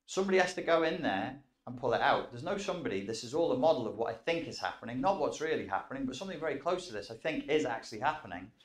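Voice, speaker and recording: A man explains self-help ideas in a relaxed, informal lecture, chatty and self-aware, and he slips in the odd swear word. His voice sits at an ordinary middle pitch. The room gives it a noticeable echo. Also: racing, few pauses. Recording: roomy echoing sound.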